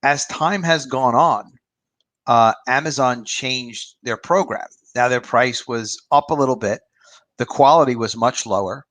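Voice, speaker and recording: A man's voice: medium pitch, a little slow, fairly bright tone, no room sound. A man in his fifties, an author and publisher, giving his opinions in a rambling, casual livestream chat with a dry close sound. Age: 50s.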